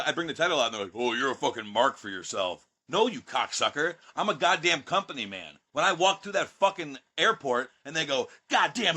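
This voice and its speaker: A man's voice: on the high side, sharp tone. A man in his thirties talking in a casual podcast chat, brash, profane and boastful. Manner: brash, profane and boastful, with mocking put-on voices. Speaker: guest, pro wrestler.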